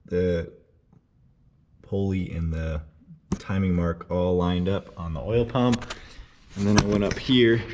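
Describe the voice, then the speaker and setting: A man with a lowish voice shows viewers how to time a car engine, working on it in a garage and going step by step. He's a car repair vlogger with a relaxed, direct-to-viewer manner, making a casual how-to tutorial. Background noise is audible.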